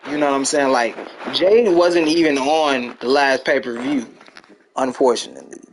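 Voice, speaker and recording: Laid-back gravelly young man streaming. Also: mid-range voice, normal speed, slight background noise, poor audio. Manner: laid-back, rambling, talks to chat. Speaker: gaming streamer. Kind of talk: casual gameplay chat with viewers.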